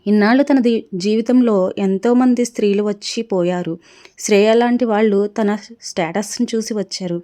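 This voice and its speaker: Woman reading a family drama story out loud, soft mellow tone, does the dialogue too. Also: mid-range voice, normal speed. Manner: emotional, voices the characters' dialogue herself. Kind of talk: read-aloud story narration.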